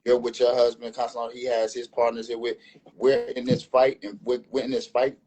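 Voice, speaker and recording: A man's voice: mid-range voice, flat delivery, a little fast, darkish tone, slightly rough, poor audio. A man speaking earnestly as a panel guest in a live online discussion, repeating and restarting phrases as he builds his point.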